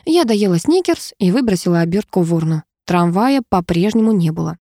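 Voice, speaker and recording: Mellow woman narrating a novel. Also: lowish voice, brisk, no echo, clean studio sound. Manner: lively, expressive storytelling. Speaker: audiobook narrator. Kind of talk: first-person novel narration.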